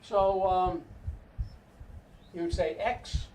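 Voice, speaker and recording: A man's voice: high voice, a little slow, darkish tone. An older man teaching a class, explaining pronunciation step by step and often checking with "right?". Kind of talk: classroom lecture. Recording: echoey room, mic far off, faint noise.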